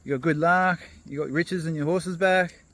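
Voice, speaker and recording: A man voicing an excitable male neighbour who gushes in dramatic exclamations while retelling a fable. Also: on the high side, moderate pace, voice pushed up. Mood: exclaiming.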